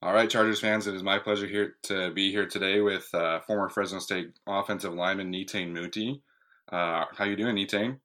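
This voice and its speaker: Male sports podcast interviewer, deep voice with a bright edge, friendly and upbeat. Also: steady tone, a little fast.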